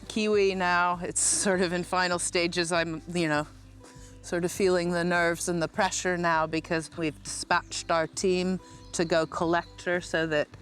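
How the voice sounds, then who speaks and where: A woman who works at an animal park, speaking informally and a little haltingly in a documentary interview. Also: fairly low pitch. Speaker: animal park staff leader.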